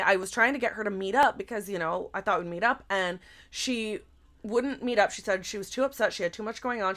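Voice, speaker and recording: Bright-voiced woman dishing gossip. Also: mid-range voice. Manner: animated gossipy retelling with lots of "like"; swears casually. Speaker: podcast co-host. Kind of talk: casual chat.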